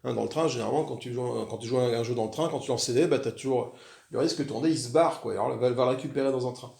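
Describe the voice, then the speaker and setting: Casual male host, chatty and rambling, slightly gravelly voice. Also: medium pitch, rapid-fire, darkish tone. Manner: chatty, rambling, frequent restarts and fillers. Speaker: board game video host. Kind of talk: casual solo game walkthrough.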